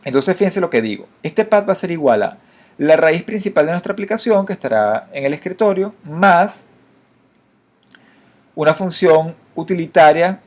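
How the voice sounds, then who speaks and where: A man walking through his own code in a screen-recorded programming lesson, talking to viewers directly and pausing on fillers. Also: on the high side, animated. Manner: explanatory, frequent fillers and restarts, addresses viewers directly. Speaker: programming instructor. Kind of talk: screen-recorded coding tutorial.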